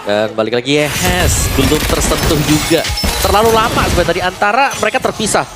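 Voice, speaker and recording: Fast-talking Indonesian man analysing esports. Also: fairly high pitch. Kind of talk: conversational match commentary. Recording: game music behind the voice. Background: music.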